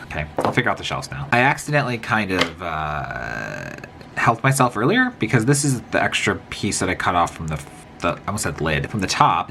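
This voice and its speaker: A low-pitched man from the American Midwest, sniffly from a cold, narrates a casual crafting vlog while building miniatures. He talks quickly and with energy, rambling to himself and tossing in chatty asides as he works, with faint room noise behind him.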